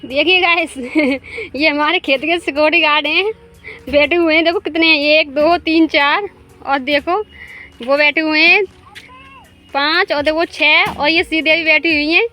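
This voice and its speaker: A woman's voice: high-pitched, fairly even intonation, a little slow, bright, forceful tone, soft background music. A woman chatting casually and laughing often as she films a vlog outdoors in the fields. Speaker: vlogger.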